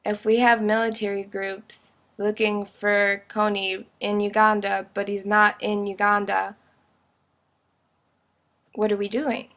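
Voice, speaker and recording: A woman's voice: mid-range voice, completely flat delivery, slow, fairly bright tone. A woman vlogger giving an earnest explanation, asking pointed questions. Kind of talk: explanatory commentary to camera.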